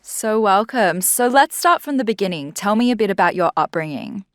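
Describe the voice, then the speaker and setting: A woman's voice: mid-range voice, animated, normal speed, no room sound, clean studio sound. A woman hosting a podcast, introducing her guest and asking questions with polished enthusiasm. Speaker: podcast host. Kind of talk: scripted intro and interview questions. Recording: music bed under the voice.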